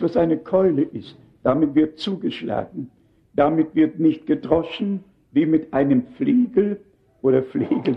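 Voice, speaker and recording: Older man preaching slowly and earnestly. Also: a little high, muffled recording. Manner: earnest, emphatic preaching with asides to the congregation. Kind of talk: sermon.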